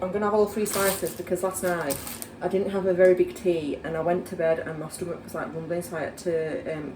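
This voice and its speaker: This is a young Yorkshire vlogger rambling casually to camera in her kitchen, using lots of fillers, with a fairly low-pitched voice. The mic is distant, and the room is echoey with background noise.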